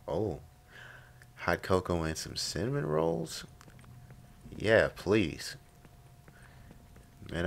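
Man, very deep voice, let's-play commentary, laid-back, slangy. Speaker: gaming YouTuber.

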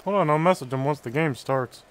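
A young man hosting a gaming video, chatting crudely and excitedly while he plays, with game music behind him. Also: a little high, a little fast, smooth. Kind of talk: casual gaming chat.

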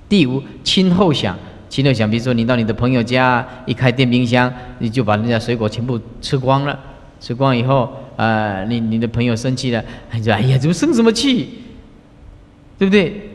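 Man with a lively, swinging pitch. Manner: folksy, teasing, chuckling asides, lively swings in pitch. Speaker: Buddhist master teaching precepts. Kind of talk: dharma talk to retreat participants. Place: large lecture hall. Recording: long hall reverb.

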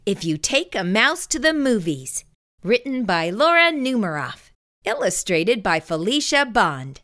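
A middle-aged woman reading aloud to young children in an expressive storytime voice, as a children's host. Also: mid-range voice, unhurried, no room sound, studio quality.

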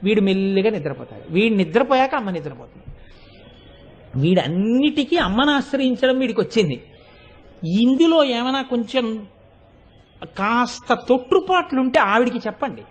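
A man giving a devotional sermon, telling stories with lively expression and chanting sacred verses slowly. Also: very high-pitched. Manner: animated storytelling, acting out quoted voices, chanting verses slowly. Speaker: spiritual discourse speaker.

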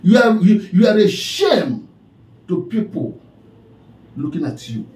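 A man's voice: high-pitched, big pitch swings, slow pace, darkish tone, echoey room, rough recording. A man with a Nigerian accent delivering a preachy, scolding commentary, repeatedly calling out the person he addresses. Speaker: online commentator.

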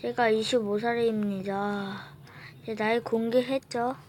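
A woman's voice: a little high, steady tone, takes it slowly, a little mellow. A woman chatting playfully while commenting on a mobile game she is playing. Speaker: gamer. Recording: noisy phone recording.

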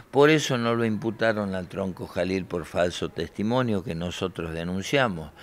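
Lawyer at a press gaggle: man in his forties, very low voice, combative and indignant. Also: fairly bright tone. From Argentina. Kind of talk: press interview. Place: bright room by large windows. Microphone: handheld reporter mics close.

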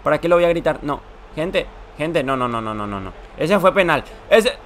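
A young man, giving excited, emotional commentary over a football video game he is playing. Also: fairly high pitch, fairly quick. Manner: emotional, shouts and groans at every play. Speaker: gaming YouTuber.

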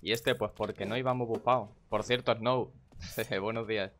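Profane, chatty streamer with a low voice. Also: male voice, steady tone, normal speed, a bit bright. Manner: chatty and profane, muttering to himself and greeting chat viewers. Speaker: gaming streamer. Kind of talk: casual live-stream commentary.

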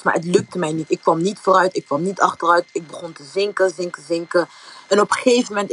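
A woman's voice: fairly low pitch, fairly bright tone, husky. A young woman from the Netherlands telling a personal faith testimony in a casual, rambling way, with many fillers. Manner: informal, many fillers like "zeg maar", retells thoughts as quotes. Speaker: giving a testimony.

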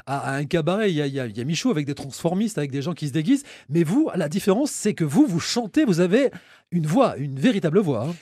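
Mellow-voiced male radio host. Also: on the high side, big pitch swings, quick pace, slightly rough, dry recording, clean studio sound. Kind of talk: morning radio interview. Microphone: studio microphone.

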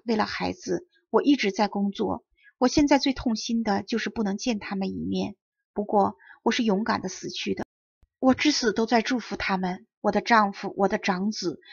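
A woman's voice: mid-range voice, gravelly, a little mellow, breathy edge, no echo. A woman voicing a dying mother who pleads tearfully for her young son, weak and near death. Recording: dull lo-fi audiobook recording.

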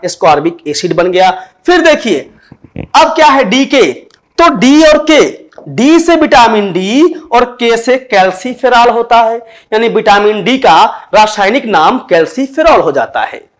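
Guy teaching an exam prep class, tells little stories as memory tricks, asks then answers his own questions. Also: high-pitched. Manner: explains with rhetorical questions; storytelling mnemonic tricks.

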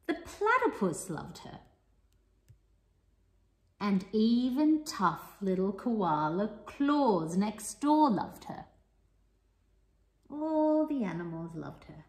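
Slow, playful woman reading to kids. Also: a little high, gravelly. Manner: playful and expressive, with sing-song rhymes and whispers. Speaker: children's storyteller and teacher. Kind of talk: reading a picture book aloud to children. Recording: echoey room.

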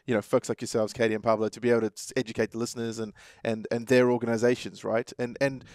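Fast-talking man co-hosting a podcast. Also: medium pitch, flat delivery, a little mellow, no room sound, clean studio sound. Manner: quick, affirming, many restarts. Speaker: podcast co-host. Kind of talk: casual interview chat. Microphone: headset mic.

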